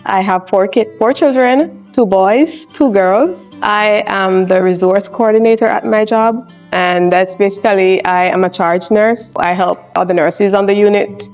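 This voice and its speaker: A woman, a charge nurse speaking in a personal interview in a soft-spoken, reflective, encouraging way. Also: medium pitch, measured pace, hardly any pauses. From Jamaica. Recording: soft music underneath.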